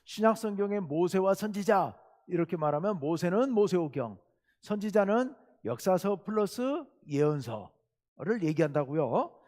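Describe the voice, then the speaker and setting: Male pastor, animated sermon delivery, high voice, reverberant sanctuary. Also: moderate pace. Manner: animated preaching, acts out quoted speech with sudden loud bursts. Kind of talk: Wednesday sermon. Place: church sanctuary. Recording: church hall reverb.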